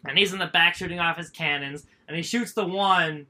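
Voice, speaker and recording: A high, very bright male voice that rattles through a story. He co-hosts a casual sports podcast and acts out other people's lines, jumping into loud, shouted quotes. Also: fairly quick. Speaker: podcast co-host.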